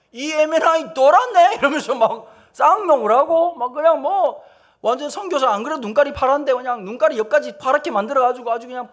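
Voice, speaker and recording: A man's voice: very high-pitched, a bit bright, slightly rough. Joking Gyeongsang-accented male pastor. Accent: Gyeongsang Korean. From Gyeongsang region, South Korea. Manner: blunt, joking storyteller with acted-out quotes. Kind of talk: humorous sermon seminar.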